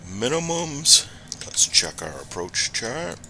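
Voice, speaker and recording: Male flight-sim pilot, lively intonation, crisp forceful tone, short procedural phrases, faint noise behind. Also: medium pitch, takes it slowly. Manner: talks himself through checklist steps in short phrases. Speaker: flight simulator pilot, player. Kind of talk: low-key procedural cockpit talk while playing.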